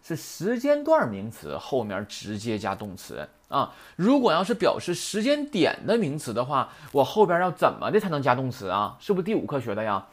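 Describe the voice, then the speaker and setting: A man's voice: medium pitch, wildly swooping pitch, fairly quick, hardly any pauses. A man teaching Japanese grammar in a chatty lecture, often asking rhetorical questions. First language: Mandarin.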